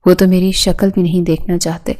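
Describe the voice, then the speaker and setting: A woman's voice: fairly low pitch, flat delivery, a little mellow, natural voice. A woman reading the lines of a frightened young woman who accuses through tears. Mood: tearful. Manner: tearful, accusing.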